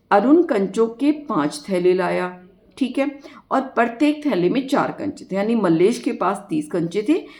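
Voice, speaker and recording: A woman's voice: medium pitch, darkish tone. A woman math teacher, explaining a lesson step by step and asking her students questions.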